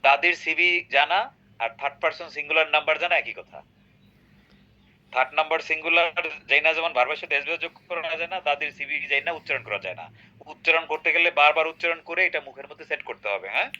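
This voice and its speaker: A man teaches a grammar class in a very bright, forceful voice. He keeps quizzing his student with quick tag questions. The recording is dull and lo-fi. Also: a little high. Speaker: English teacher.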